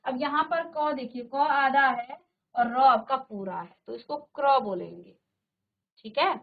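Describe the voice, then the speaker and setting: Brief: high-pitched woman teacher from a virtual-classroom studio, patient, repeats sounds for the class, narrow phone-like audio. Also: measured pace. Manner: drills sounds by repeating them, checks with "ठीक है". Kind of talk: classroom grammar lesson.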